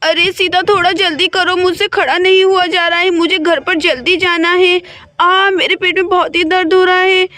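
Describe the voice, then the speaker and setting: A woman's voice: very high-pitched, fairly even intonation, moderate pace, bright, forceful tone. Woman voicing a moaning pregnant village woman in labour. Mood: pained pleading. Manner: moaning and pleading.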